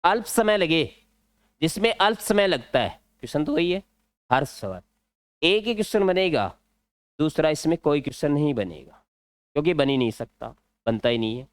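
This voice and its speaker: A man with a Rajasthani Hindi accent teaching an exam-prep grammar lesson, explaining slowly and repeating key words. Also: on the high side, animated, clean tone, dry recording, clean studio sound.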